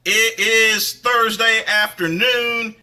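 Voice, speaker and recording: A man from North Carolina rants straight at the camera in a combative, scolding voice. His tone is piercingly bright and sits a little high for a man. He keeps tacking a stray "there" onto his sentences. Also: steady tone, slow pace, poor audio. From North Carolina, USA. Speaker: online commentator. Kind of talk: angry direct-to-camera rant.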